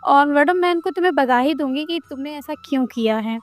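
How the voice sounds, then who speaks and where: A woman's voice: high voice, a little fast, close to an everyday voice. A woman voicing a firm, indignant young hostel student who scolds and threatens sternly.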